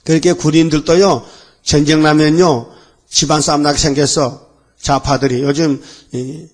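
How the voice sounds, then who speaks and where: A man's voice: on the high side, darkish tone. Male pastor, dawn sermon, rambling and fiery, rhetorical questions.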